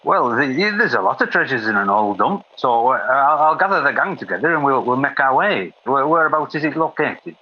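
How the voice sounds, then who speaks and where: A man's voice: mid-range voice, big pitch swings, fairly quick, few pauses, a little hiss or hum. A man playing a stammering bloke over a walkie-talkie. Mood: fussy. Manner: stammering, hesitant, wordy. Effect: muffled walkie-talkie radio sound. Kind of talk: comedy radio sketch. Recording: dull lo-fi walkie-talkie line.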